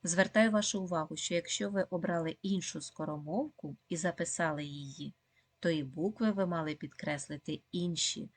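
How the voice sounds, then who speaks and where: A woman teaching a video lesson for second graders, speaking slowly and clearly, praising the pupils often and asking them questions. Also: fairly low pitch, no room sound. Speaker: primary school teacher.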